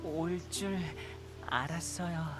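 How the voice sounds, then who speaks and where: A man's voice: a little high, rapid-fire, music in the background, natural voice. A man voicing a feverish, clingy young man. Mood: weak, clingy. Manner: soft, weak, mumbling. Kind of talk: game voice acting.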